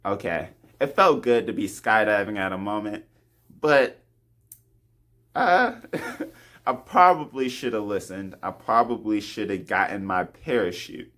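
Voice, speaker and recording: A cocky young daredevil who brushes off every warning, boastful and laughing, his voice jumping high when he insists he has it under control, as a man acts him out in a story. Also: lively intonation, measured pace, a bit bright. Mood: sheepish. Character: cocky young man skydiving without parachute.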